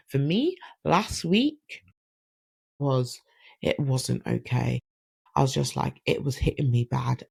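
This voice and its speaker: A woman hosting a solo podcast, telling stories in an animated, chatty way. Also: very deep voice, creaky, breathy edge, no echo. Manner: chatty, animated, acts out quoted dialogue. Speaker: podcast host. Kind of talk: casual solo podcast storytelling.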